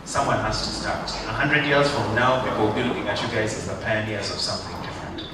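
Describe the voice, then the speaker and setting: At a graduation ceremony in a big hall, a man speaking as guest delivers motivational lines and jokes that get the audience reacting. He talks fast in a fairly low voice, picked up by a distant mic amid echo and background noise.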